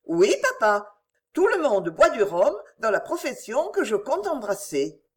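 A woman voicing a calm, earnest young woman, the eldest daughter, speaking matter-of-factly in a storybook reading. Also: on the high side, measured pace. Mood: enthusiastic.

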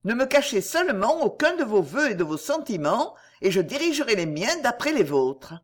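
A woman's voice: a little high, very animated, moderate pace. A woman reading the lines of an anxious, earnest young woman in an audiobook. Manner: earnest, pleading.

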